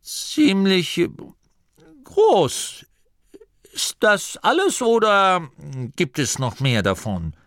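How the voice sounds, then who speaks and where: A man's voice: big pitch swings, slow pace, fairly bright tone, dry recording, studio quality, exaggerated voice. A man voicing an old, anxious male gnome abbot who stammers and blusters in a storybook reading. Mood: blustering. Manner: flustered, stammering, high-pitched. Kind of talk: audiobook character voice.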